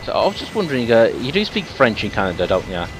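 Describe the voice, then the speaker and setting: A man playing through a game and chatting casually, lively and quick to chuckle, often repeating his words. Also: mid-range voice, soft background music. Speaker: player narrating a playthrough. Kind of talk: casual gaming chat.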